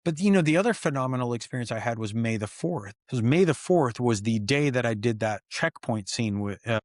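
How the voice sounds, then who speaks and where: A man, a stuntman guest, telling set stories in an excited, animated way and acting out quoted dialogue. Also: medium pitch, brisk, dry recording, studio quality. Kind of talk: animated storytelling interview.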